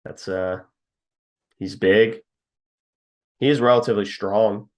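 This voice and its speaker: A young man co-hosting a podcast speaks in a lowish, steady voice, taking it slowly. In casual football scouting talk, he breaks down a team's linemen, reads out stats, and laughs at his own jabs.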